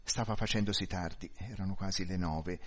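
Brief: male audiobook narrator; calm, measured storytelling. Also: low-pitched. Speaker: audiobook reader.

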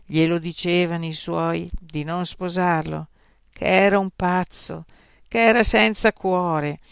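A disapproving old woman gossips about the absent husband, as a male narrator puts her on. Her voice sits raised and slightly loud, with a gravelly grain, read close and dry. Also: high voice, steady tone, takes it slowly, dry recording, heavily acted.

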